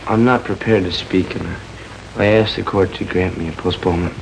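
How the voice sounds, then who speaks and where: A man acting in a 1930s film as an earnest, humble young would-be lawyer, speaking haltingly and modestly. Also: deep voice, fairly even intonation, gravelly. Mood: moved, humble. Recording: old film soundtrack, faint noise.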